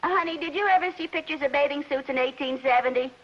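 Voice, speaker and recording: A woman's voice: sits high, fast, natural voice. A woman playing a giggly, gossipy friend chatting on the phone in a 1950s radio sitcom. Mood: amused. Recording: dull lo-fi old radio broadcast with hiss.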